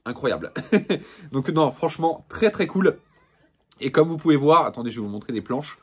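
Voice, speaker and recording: Homme enthousiaste qui présente sa collection. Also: male voice, a little high, animated, moderate pace, a little mellow, husky. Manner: enthusiastic, many fillers and restarts. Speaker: manga collection reviewer. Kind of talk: casual product showcase vlog.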